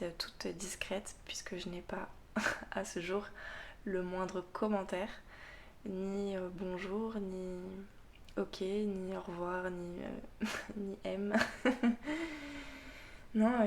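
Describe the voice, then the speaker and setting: Talking off the cuff on her tarot channel, this host and tarot reader hesitates slowly through fillers and restarts, sometimes sinking into a soft half-whisper and laughing at herself. Her voice is mid-range, with slight background noise.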